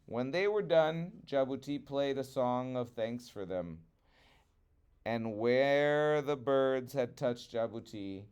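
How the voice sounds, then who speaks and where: Male storyteller for children's trickster fables: smooth, unhurried, dramatic delivery. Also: medium pitch, darkish tone, highs cut off. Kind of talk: expressive children's storybook narration.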